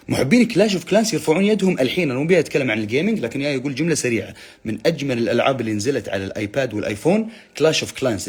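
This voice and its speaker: Young guy hosting a phone live, husky voice, very lively pitch; teasing, reads comments aloud. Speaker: livestream host. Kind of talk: casual live chat reading comments.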